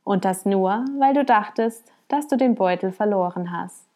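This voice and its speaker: A calm, sly old sage from a spoken folk tale, voiced by a woman. He explains things plainly and without hurry. His tone stays even and sure. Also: mid-range voice, moderate pace, close to an everyday voice.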